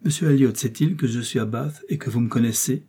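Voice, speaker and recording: Un homme qui prête sa voix à une femme vive et perspicace, taquine et câline, dans un livre audio. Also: male voice, medium pitch, a little fast, warm tone, slightly rough. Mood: teasing, coaxing. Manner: arch, coaxing, playful. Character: lively shrewd middle-aged woman, teasing invalid friend.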